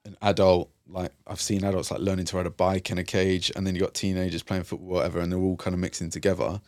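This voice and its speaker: A man with a very low, deep voice talks through his work in a thoughtful, halting way, often circling back with fillers and restarts. The sound is close and dry, with no room behind it. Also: level tone, a little mellow, dry recording. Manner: reflective, frequent fillers and restarts. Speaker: youth and community worker, guest. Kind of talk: conversational interview.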